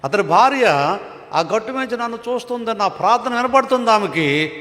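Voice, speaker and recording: A man, preaching a sermon and telling his own testimony, swinging between loud calls and quiet asides. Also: very high voice, animated, a little fast. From Andhra Pradesh, India. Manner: storytelling, rises and falls between loud and quiet. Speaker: pastor. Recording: echoey hall with long reverb.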